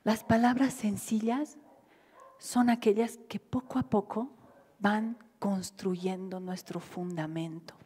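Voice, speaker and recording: A woman with a Bolivian Spanish accent preaching a sermon in a church hall, dropping to near-whispers and rising to loud cries. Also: mid-range voice, fairly even intonation, slow, husky. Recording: livestream with long hall reverb.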